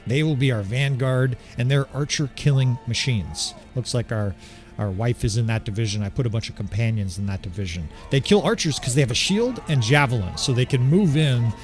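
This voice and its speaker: Soft music plays behind a man of medium pitch as he talks fairly quickly through a strategy game. The commentary is casual and eager, and "right?" keeps popping up at the end of his points.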